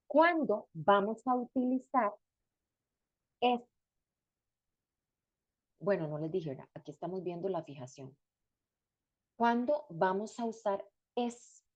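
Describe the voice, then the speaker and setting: A woman's voice: mid-range voice, lively intonation, takes it slowly, pauses often, a little mellow, muffled recording. A woman teaching a grammar class, explaining step by step and repeating each example word. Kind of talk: recorded lecture.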